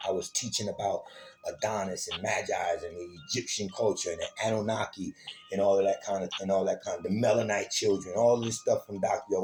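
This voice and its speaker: A man's voice: on the low side, a little mellow. Profane, emphatic man lecturing. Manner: profane, emphatic, repeats words, addresses listeners as y'all. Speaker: self-styled teacher of an online program. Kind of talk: informal streetwise lecture.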